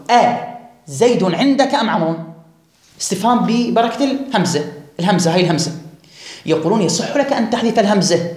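Woman teaching in an echoey room. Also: medium pitch. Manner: reads a text slowly, then explains and quizzes the students. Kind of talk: classroom grammar lesson. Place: classroom. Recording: very echoey classroom.

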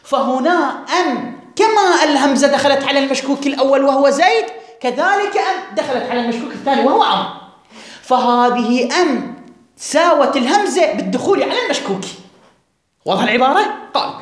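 A woman teacher leads a classroom grammar lesson. She reads each line of a text slowly, explains it and puts questions to her students. Her voice rings out in a strongly echoing room. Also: high-pitched, animated. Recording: very echoey classroom.

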